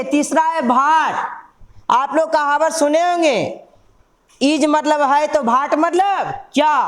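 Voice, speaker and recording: A woman's voice: sits high, reverberant. A woman teaching an English grammar lesson, repeating key words and asking questions that she then answers herself. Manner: slow, drawn-out spelling of examples. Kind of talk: classroom lesson.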